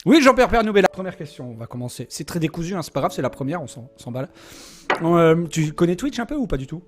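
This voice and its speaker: A man's voice: a little high, sing-song, fast. A man in his thirties hosting a live-streamed interview in a casual, joking, playfully teasing way. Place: indoors in a streaming room.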